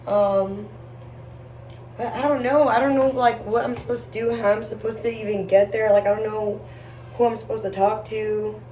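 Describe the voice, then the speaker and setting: Filming a get-ready-with-me vlog indoors, a young woman talks to camera in a rambling, slangy, girly style. She has a fairly high but dark voice, steady in tone and moderate in pace, and the distant mic picks up room echo and faint background noise.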